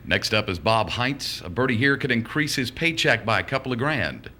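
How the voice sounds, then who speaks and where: A man's voice: medium pitch, animated, moderate pace, sharp tone. A man working as a golf commentator, calling play in short, terse announcements.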